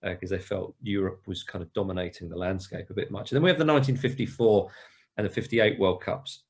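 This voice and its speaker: A man hosting a podcast, relaxed and steering the talk with backstory. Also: low-pitched, fast. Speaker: podcast host. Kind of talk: podcast conversation.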